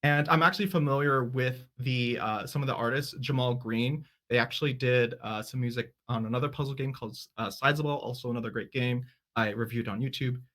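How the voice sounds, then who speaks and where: A man on a game panel, talking casually and hesitantly, with lots of "uh" pauses. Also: mid-range voice, a bit bright. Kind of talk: casual chat.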